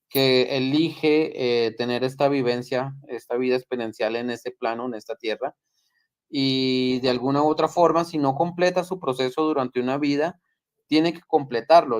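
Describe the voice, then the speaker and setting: A man's voice: medium pitch, no echo. A Colombian man hosting a live-stream discussion, agreeable and affirming, speaking steadily over a video call. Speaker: host.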